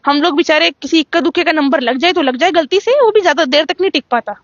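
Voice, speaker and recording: A young woman from Jammu, a singer being interviewed, telling her story in a lively way and acting out what the judges said. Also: high voice, fast talker, dry recording, muffled recording. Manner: animated storytelling, acts out quoted judges. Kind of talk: casual interview.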